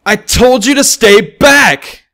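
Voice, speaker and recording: A man's voice: extremely high pitch, lively intonation, slow, sharp tone, no echo, clean studio sound, pitched above the performer's own voice, heavily acted. A man reading an audiobook of a fan story, voicing a panicked young unicorn colt who pleads and screams in a strained voice. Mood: panicked screaming.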